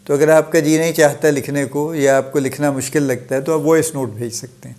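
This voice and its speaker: A middle-aged man gives a solo talk in a casual lecture manner. His voice sits somewhat high for a man, and he mixes English phrases into his explanations with easy, unhurried asides. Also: steady tone. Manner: conversational, mixes English phrases, soft chuckles, restarts. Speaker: host giving a solo talk. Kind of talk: informal lecture-style talk.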